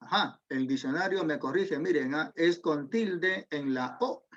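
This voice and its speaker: Slow, high-voiced math teacher. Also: male voice, expressive. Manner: patient, explains step by step, asks students questions. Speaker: secondary school math teacher. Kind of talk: online geometry class. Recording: dull lo-fi audio.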